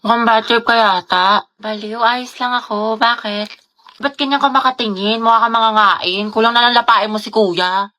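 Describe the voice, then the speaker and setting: A woman's voice: on the high side, steady tone, moderate pace, bright, forceful tone. A woman acting in a comedic school skit, chatty and gossipy. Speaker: skit performer.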